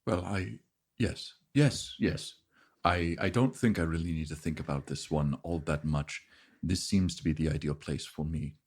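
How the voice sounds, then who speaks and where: A man's voice: very deep voice, moderate pace, darkish tone, breathy edge, exaggerated voice. Man doing a fussy, hesitant, pedantic scholar type. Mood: fussy, pleased. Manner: hesitant, fussy, repeats himself. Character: wordy, pedantic, earnest would-be scholar job-seeker.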